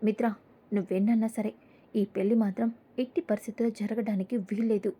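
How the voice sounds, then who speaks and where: A woman's voice: mid-range voice, steady tone, brisk, mellow, slightly rough, close to an everyday voice. A woman reading the lines of a determined, confrontational young man while recapping a serial episode. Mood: firm.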